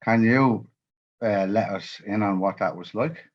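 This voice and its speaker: A man's voice: on the low side, unhurried, muffled recording. A man hosting a podcast interview, upbeat and friendly, laughing easily with his guest. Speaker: podcast host.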